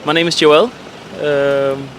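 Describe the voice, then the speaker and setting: A man's voice: a little high, level tone, takes it slowly, a little hiss or hum. A man from Denmark chatting easily in a street interview. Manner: easygoing, chatty.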